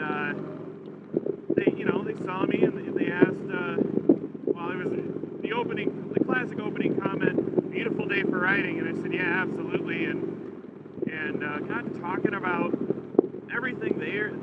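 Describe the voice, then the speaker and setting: A man chatting casually to viewers in a folksy way from inside his helmet while riding a motorcycle. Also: high voice. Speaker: motorcycle vlogger. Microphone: microphone inside a helmet. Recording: tinny narrowband helmet mic, loud engine noise. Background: loud motorcycle engine and wind.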